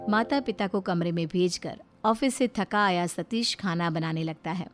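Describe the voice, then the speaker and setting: A woman narrating a family drama story in a low, steady storytelling voice. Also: normal speed, soft background music.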